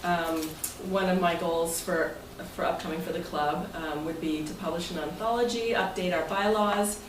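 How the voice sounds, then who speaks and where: Speaking at a moderate pace in a voice on the low side, an American woman presides as club president and host. Her informal, jokey speech, partly read from prepared text, is punctuated by chuckles. The recording is echoey and noisy, made with a distant mic in an indoor club meeting room.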